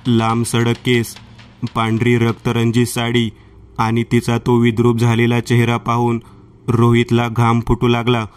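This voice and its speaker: A man narrating a horror story in a flat, unhurried scripted reading. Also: medium pitch, a little hiss or hum.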